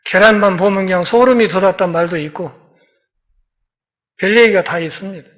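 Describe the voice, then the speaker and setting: A man pastor giving a Bible lecture sermon, telling the story and acting out the characters' dialogue, moving between loud emphatic passages and quiet, low ones. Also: normal speed.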